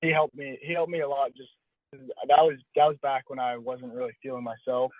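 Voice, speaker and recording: A young college baseball pitcher answers interview questions casually, his mid-pitched voice level in tone and moderate in pace as he hedges, corrects himself, and circles back to rephrase. The lo-fi phone call sounds dull and dry, with no echo or sense of a room.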